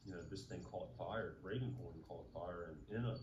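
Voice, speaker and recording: A very deep-voiced man talks casually on an online community call, stopping often with ums and restarts. His audio is muffled and noisy. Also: normal speed, reverberant. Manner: hesitant, many fillers and restarts. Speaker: community member giving an update.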